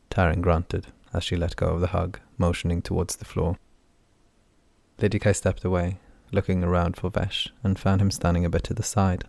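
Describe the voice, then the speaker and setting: A man narrating a fantasy novel in an even, measured reading. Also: low voice, gravelly, dry recording. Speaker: audiobook narrator.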